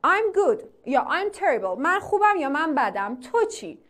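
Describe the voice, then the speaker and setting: A woman teaching an online English class. She asks the class questions, answers them herself and repeats English phrases slowly for drilling. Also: sits high, sing-song, a bit bright. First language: Persian.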